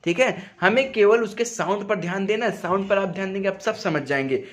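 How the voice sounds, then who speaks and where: His voice sits high and a bit bright as he leads a spoken English lesson from home in a residential neighbourhood. Step by step he explains, asking questions he then answers, and stretching words slowly to show their sounds.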